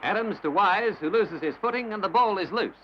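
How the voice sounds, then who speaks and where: An old newsreel commentary voice, a man narrating a football match in brisk, formal announcer tones. His voice sits high and bright. The sound is muffled and lo-fi, with a clear hiss running under it. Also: animated. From Australia. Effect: old newsreel recording.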